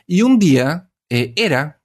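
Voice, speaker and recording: A man's voice: fairly high pitch, very animated, a little slow, a little mellow. A man casually retelling a myth in conversation, rambling and self-correcting as he goes. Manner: rambling with many fillers and restarts, self-correcting.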